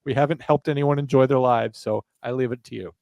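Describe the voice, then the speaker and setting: A man in his thirties co-hosts a casual true crime podcast. He rambles and jokes at his own expense, with a sarcastic edge. His voice sits at an ordinary pitch and sounds dry and close, with no room around it. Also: fairly even intonation, fast talker, vocal fry, a little mellow, no room sound, muffled recording. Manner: sarcastic, rambling, self-deprecating. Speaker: podcast co-host.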